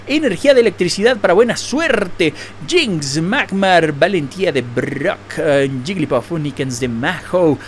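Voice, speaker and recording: A man hosting a card-opening video, excitedly naming each card and repeating himself. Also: on the high side, measured pace, a little hiss or hum. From Mexico. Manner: excitable, exclaims and laughs at rare pulls, repeats phrases. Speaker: card-opening channel host. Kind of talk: excited unboxing commentary.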